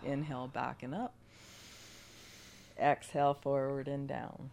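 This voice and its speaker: A woman with a gravelly voice from a cold, speaking as a guest yoga teacher and guiding meditation and movement in a measured, instructional way. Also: rumbling low, flat delivery, a little mellow, muffled recording, a little hiss or hum. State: has a cold.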